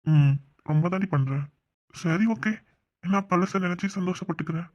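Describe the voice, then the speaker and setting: A man voicing a young man in love in a cartoon, gentle and coaxing. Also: high-pitched, normal speed, natural voice. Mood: teasing. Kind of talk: cartoon voice acting. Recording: dull lo-fi recording.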